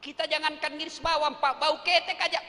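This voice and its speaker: Brief: male preacher with a bright, animated high voice, comic sermon in an echoey event hall. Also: a little fast. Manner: joking, addresses officials directly. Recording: echoey hall, faint noise.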